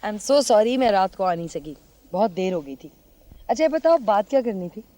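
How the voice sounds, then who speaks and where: An actress playing a hesitant young woman who speaks softly and haltingly, in a dull lo-fi recording with music behind. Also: medium pitch, expressive, lightly acted. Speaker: actor in TV drama. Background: drama score music.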